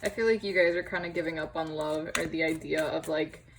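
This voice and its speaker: A woman's voice: sits low, fairly even intonation, brisk, vocal fry, a little hiss or hum, rough recording. A young woman giving a casual tarot reading to camera, chatty and empathetic, with many fillers and small laughs. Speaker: tarot reader. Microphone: camera on tripod.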